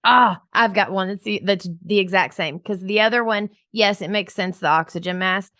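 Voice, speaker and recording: A woman's voice: medium pitch, normal speed, a bit bright, no room sound, clean studio sound. A woman co-hosting a podcast for professional organizers, talking in an upbeat, chatty way with many filler words. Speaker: podcast co-host. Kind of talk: casual podcast chat.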